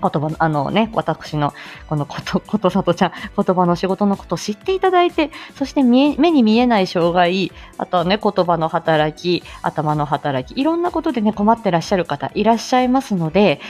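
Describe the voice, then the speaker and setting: Speaking a little fast and barely pausing, this middle-aged woman has a mid-range, darkish voice and is very animated over soft background music. A speech-language therapist, she hosts a live audio show, a casual morning livestream of polite, giggly chat with listeners and announcements.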